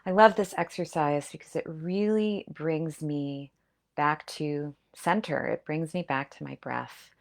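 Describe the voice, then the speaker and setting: A woman's voice: sits low, measured pace, creaky. A woman who hosts meditation sessions, speaking informally to her viewers. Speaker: meditation host. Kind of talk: informal closing remarks to viewers.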